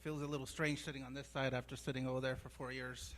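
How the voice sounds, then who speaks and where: New mayor, male, even monotone delivery with some fillers, faint hum. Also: medium pitch, fast. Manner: steady, with frequent fillers. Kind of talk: acceptance speech at a council meeting.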